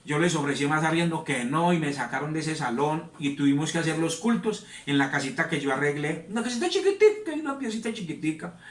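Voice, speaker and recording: A man's voice: on the high side, steady tone, brisk, hardly any pauses, a bit bright. A man, a pastor, telling his testimony in an earnest, rambling way. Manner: earnest, rambling storytelling with repetitions. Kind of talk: preaching testimony. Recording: echoey room, distant mic.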